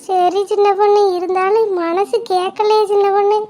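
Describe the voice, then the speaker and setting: A woman's voice: very high-pitched, flat delivery, moderate pace, warm tone. A woman voicing an anxious middle-aged village woman in a cartoon drama, going over her worries at length. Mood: worried.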